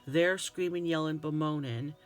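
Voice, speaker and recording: A woman's voice: low-pitched, normal speed, background noise. A woman giving a casual tutorial on Bible journaling, reading verses aloud and often repeating words and restarting as she explains.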